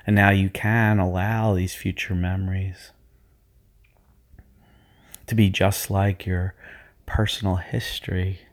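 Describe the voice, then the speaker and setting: A man working as a sports performance coach, leading athletes through a guided visualization in a slow, soothing, hypnotic way. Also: sits low, level tone.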